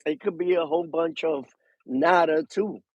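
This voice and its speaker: A man telling a story in casual chat, animated and slipping into Spanish. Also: on the high side, normal speed, no room sound, dull audio. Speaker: boxing show guest.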